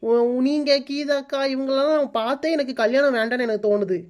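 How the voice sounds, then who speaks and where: A woman's voice: high-pitched, fairly even intonation, brisk, darkish tone, close to an everyday voice. Woman voicing a stubborn whiny village daughter. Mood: pleading. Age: 20s. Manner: whiny, pleading. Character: stubborn 29-year-old village daughter avoiding marriage. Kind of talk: cartoon voice-over.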